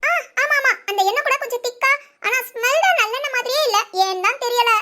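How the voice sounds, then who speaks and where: A woman voicing an excitable young wife in a cartoon family comedy, given to whiny, giggly complaints. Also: very high voice, fast. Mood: fretting. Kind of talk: cartoon voice acting.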